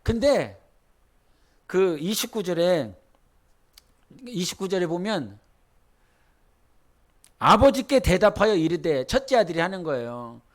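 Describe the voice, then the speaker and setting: A man's voice: high voice, very animated, slow pace, pauses often. A man preaching a sermon as pastor, leading the congregation in scripture reading and building to fervent exhortation. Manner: leads congregation in Bible reading.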